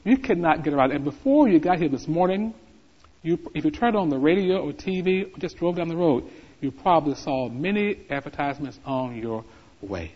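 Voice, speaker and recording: Impassioned high-voiced preacher in echoing hall. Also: male voice, lively intonation, brisk, breathy edge. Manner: impassioned, building to fervent emphasis. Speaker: pastor. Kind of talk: sermon. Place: church sanctuary. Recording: reverberant hall, dull lo-fi sound.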